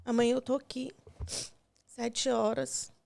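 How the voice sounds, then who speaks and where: A woman's voice: a little high, level tone, unhurried, creaky. A woman, a podcast guest, tearfully telling a painful personal story and acting out each exchange in quoted dialogue. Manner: retells scenes with quoted dialogue, voice breaking softly.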